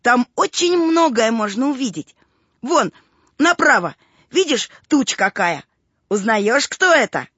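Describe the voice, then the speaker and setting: Woman playing dreamy cloud-watching boy, eager, lively, muffled audio. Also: a little high, a little slow, breathy edge, dry recording, heavily acted. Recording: dull recording with faint music.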